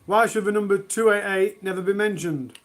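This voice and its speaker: High-voiced man reading groaner jokes. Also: fairly quick. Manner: self-mocking, groans at own jokes. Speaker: livestream host. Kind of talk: reading jokes on a charity livestream. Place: home.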